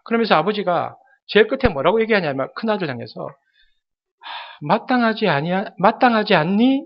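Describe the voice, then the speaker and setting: Man, pastor, dramatic sermon, high voice, dull lo-fi sound. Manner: dramatic, acts out quoted voices, addresses congregation directly.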